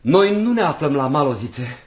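An actor playing an anxious, brooding young soldier in a radio play, musing and sometimes whispering. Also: male voice, a little high, sing-song, husky. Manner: brooding, shifts to hushed whispers and loud outbursts. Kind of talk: radio drama acting. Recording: dull lo-fi radio recording.

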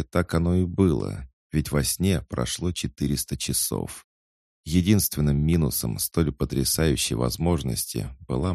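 A man narrating an audiobook in an even storytelling manner. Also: very deep voice, gravelly, no room sound, clean studio sound. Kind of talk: scripted narration.

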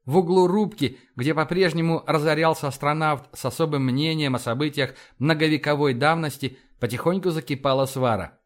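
A man reads an audiobook aloud in a lively storytelling manner. His voice sits a little high for a man. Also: fairly quick. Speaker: audiobook narrator. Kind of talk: audiobook narration.

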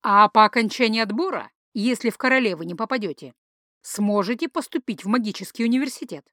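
A woman gives voice to an earnest man from a magical world who politely makes his offer. He explains things calmly and patiently, and the recording is close and dry. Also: on the high side, a little fast, no echo.

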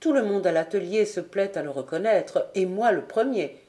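A woman's voice: mid-range voice, animated, moderate pace, mellow, close to an everyday voice. A woman reading the part of a shy but earnest poor boy apprentice in an audiobook, eager and a little flustered. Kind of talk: audiobook character voice.

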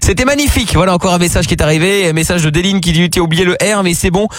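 A man's voice: high-pitched, rapid-fire, dry recording. Teasing male radio host, dry studio sound. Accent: French. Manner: teasing, joking, reads listener texts aloud. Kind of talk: late-night call-in banter. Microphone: studio mic.

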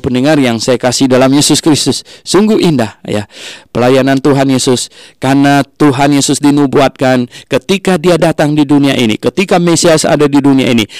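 A man's voice: mid-range voice, darkish tone, dry recording. A man teaching from the Bible in a sermon, tagging his sentences with "ya" and acting out the voices in the story. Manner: frequent "ya" tags, acts out quoted voices.

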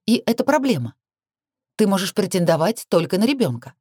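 A woman voicing a defiant, sharp-tongued young heroine who makes mocking retorts. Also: medium pitch, sing-song, a little fast, breathy edge, no echo, studio quality, pitched above the performer's own voice. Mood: scornful.

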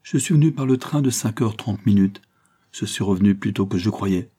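A man's voice: fairly low pitch, normal speed, dark tone, husky. A man voicing a bitter young husband. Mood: cool. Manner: bitter, impassioned pleading. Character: brooding young male lawyer, wounded husband. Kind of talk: audiobook character reading.

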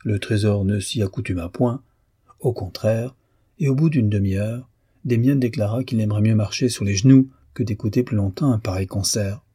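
A man reading a story aloud in measured, expressive narration. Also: lowish voice, breathy edge, no echo, studio quality. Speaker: audiobook reader. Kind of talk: scripted narration.

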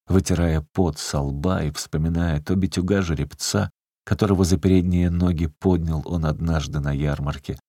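A man reading a literary story aloud as an audiobook narrator, measured and unhurried. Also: extremely low pitch, warm tone, no room sound, studio quality.

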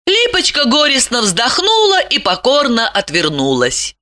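A woman narrates an audiobook in a high, bright voice. Her reading is theatrical and lively, and her pitch rises and falls widely. She tells the story with an expressive, scripted flow. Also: a little slow.

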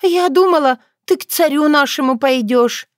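A woman voicing an earnest young witch girl who exclaims and pleads in a raised, high voice. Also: moderate pace, dry recording, studio quality, lightly acted. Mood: shocked.

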